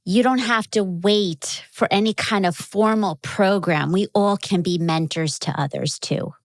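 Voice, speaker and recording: Podcast host lady, mid pitch, dry sound, cheers on her guest. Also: unhurried, no room sound. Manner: encouraging, affirming. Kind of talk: interview hosting.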